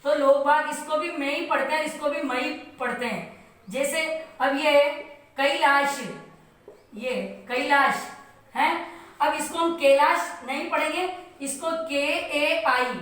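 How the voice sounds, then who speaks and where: Brief: high-voiced woman teacher, patient and slow, recorded from afar in a very echoey room. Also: fairly even intonation, a bit bright, distant mic. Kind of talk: home video lesson.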